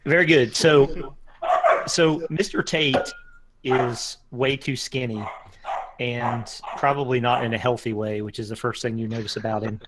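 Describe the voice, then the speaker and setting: A man playing in a tabletop game, describing his character in a polite, measured way. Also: mid-range voice, steady tone, very noisy. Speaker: player. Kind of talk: casual tabletop game talk.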